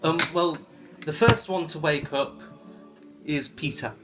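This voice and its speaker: A man's voice: fairly high pitch, takes it slowly. Playful male game master over music. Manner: laughing, playful narration. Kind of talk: narrating a tabletop game. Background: background music.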